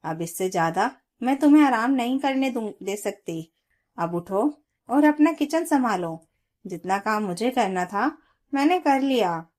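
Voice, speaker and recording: A woman's voice: mid-range voice, darkish tone, close to an everyday voice. A woman storyteller voicing a stern, bossy mother-in-law who scolds her daughter-in-law.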